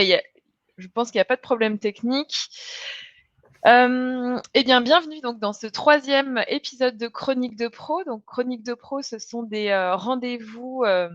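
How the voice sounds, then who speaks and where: A woman's voice: on the high side, no room sound. Chatty woman hosting a live webinar. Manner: chatty, many fillers and restarts. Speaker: host. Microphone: video call. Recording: dull lo-fi sound.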